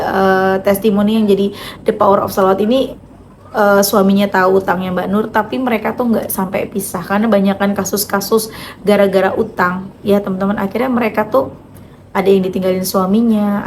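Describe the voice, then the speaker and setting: A woman from North talks straight to her viewers. Her speech is loud, quick and blunt, and it sits at an ordinary middle pitch. Faint ambient hiss is heard behind her. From North Jakarta, Indonesia. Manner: loud, fast, blunt way of talking. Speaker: vlogger and author. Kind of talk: casual chat to viewers.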